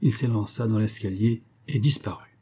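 A man reading a nineteenth-century story aloud as literary narration, in a measured storytelling manner. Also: on the low side, dark tone, breathy edge. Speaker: audiobook reader.

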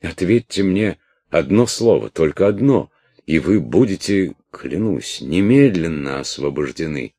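A man's voice: lively intonation, dark tone, husky, full character voice. A man reading a coaxing scheming count. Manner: low, coaxing, measured.

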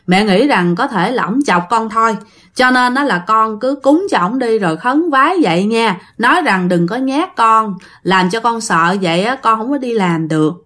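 A woman's voice: a little high, lively intonation, normal speed, fairly bright tone. A woman with a Southern Vietnamese accent narrating a ghost story casually, addressing her listeners.

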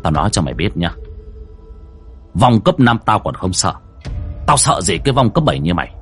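A man's voice: lowish voice, big pitch swings, normal speed, breathy edge, soft background music, full character voice. A man voicing a brash young male ghost-catcher in an audio story, who swears and barks orders. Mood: scornful. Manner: shouting, swearing, bossing.

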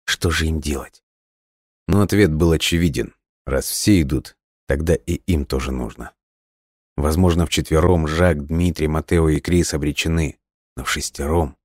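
A man narrating an audiobook in a steady storytelling read. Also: very deep voice, normal speed, dry recording, studio quality.

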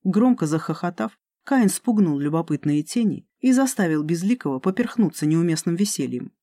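An audiobook narrator reading a fantasy story with an even storytelling delivery. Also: mid-range voice, normal speed, no room sound.

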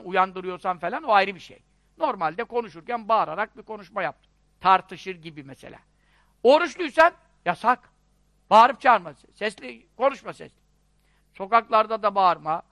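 Brief: male preacher, high bright voice, rhetorical and animated delivery. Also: dry recording, studio quality. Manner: animated, rhetorical questions, mock dialogues. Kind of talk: religious lecture.

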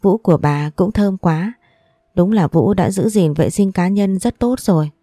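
A woman's voice: on the low side, unhurried, mellow, no room sound. A woman voicing a tender, loving older grandmother in a storybook reading.

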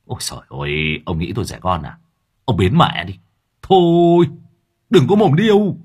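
A man voicing a hot-tempered male motorbike-taxi driver who talks loud, brash and crude. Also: deep voice, animated, brisk, husky, voice pushed down, full character voice. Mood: blustering angry.

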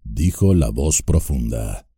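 A man narrating an audiobook with an expressive, dramatic reading. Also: extremely low pitch, slow pace, husky, no room sound, clean studio sound.

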